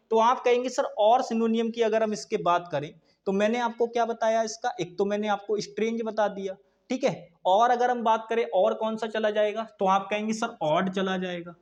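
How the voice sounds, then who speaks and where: A young man teaches an exam-prep vocabulary class, and his voice sits high for a man. He repeats each point and poses questions to his students, then answers them himself. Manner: repetitive, addresses students as brother, answers his own questions. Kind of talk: online exam-prep lesson.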